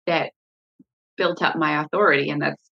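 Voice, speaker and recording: A woman's voice: low-pitched, fairly even intonation, moderate pace, creaky, slightly rough, highs cut off. A woman, a mother, talking candidly in an interview about her parenting, with many fillers and restarts. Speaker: parent guest sharing her story.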